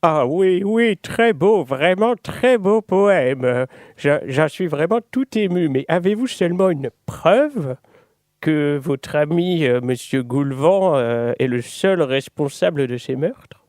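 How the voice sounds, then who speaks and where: A man's voice: a little high, expressive, slow pace, darkish tone, dry recording, studio quality, pitched above the performer's own voice. A man voicing a portly judge in his fifties in a tabletop game, formal and theatrical in delivery. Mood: unctuous, probing.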